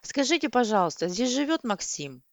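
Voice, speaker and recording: A woman's voice: fairly high pitch, big pitch swings, moderate pace, no room sound, studio quality, voice pushed up. A woman voicing a distraught young woman who is crying and pleading. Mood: pleading tearful.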